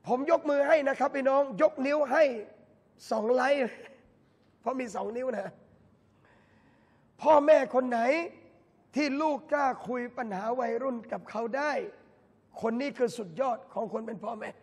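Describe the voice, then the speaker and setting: A man, a religious lecturer, giving a lively talk at a mosque event and bantering with the audience through direct questions. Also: very high-pitched, moderate pace, long pauses. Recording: long hall reverb from a mosque.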